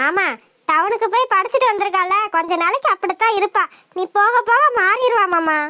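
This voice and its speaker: A woman's voice: extremely high pitch, brisk, pushed and bright. A woman voicing a modest young village woman in a cartoon, talking in a nagging, exasperated way. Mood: soothing. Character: meek but scolding young village woman. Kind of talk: cartoon voice acting.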